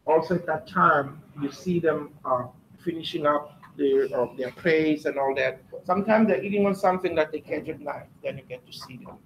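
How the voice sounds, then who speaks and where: A South African man with a high voice teaches a class and keeps throwing questions at the children, with halting uhs between his points. He is picked up from across a roomy classroom with faint noise behind him. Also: gravelly, a bit bright, recorded from a distance. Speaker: guest speaker to schoolchildren. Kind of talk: classroom talk.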